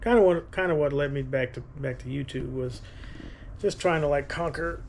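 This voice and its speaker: Gravelly, halting man in his thirties, vlogging. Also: fairly high pitch, darkish tone, slight background noise. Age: 30s. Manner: halting, thinking aloud. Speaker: running vlogger. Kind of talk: casual rambling vlog talk.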